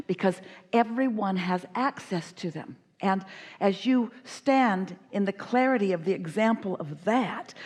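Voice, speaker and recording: A woman's voice: medium pitch, darkish tone. A woman giving a live spiritual teaching to a guest, speaking as "we" in an emphatic, repetitive cadence. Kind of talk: channeled teaching in a live workshop.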